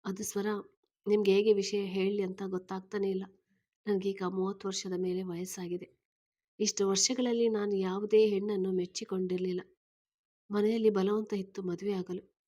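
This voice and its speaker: An earnest man in his thirties speaks gently and eagerly as he asks a woman to marry him, voiced by a woman reading a storybook aloud. His words are persuasive and hopeful, in an everyday mid-range voice. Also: mid-range voice, level tone, moderate pace, lightly acted.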